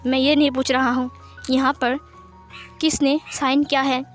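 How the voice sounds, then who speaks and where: A woman's voice: high-pitched, little pitch movement, moderate pace, faint music behind, close to an everyday voice. A woman voicing a cold, short-tempered young mafia boss who speaks in curt commands.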